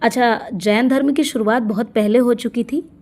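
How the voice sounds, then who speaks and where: A woman's voice: a little high, fairly even intonation, normal speed, darkish tone. A woman teacher giving an exam-prep lesson, explaining terms one by one and asking questions she answers herself.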